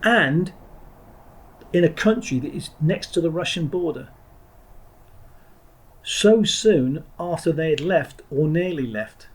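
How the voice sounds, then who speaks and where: Heard over poor, slightly rough audio, a middle-aged English podcast guest recounts his time as a Marine trainer in a reflective interview. His voice sits on the high side with lively intonation, and he goes slowly and pauses often, blunt and digressive, restarting sentences and swearing now and then.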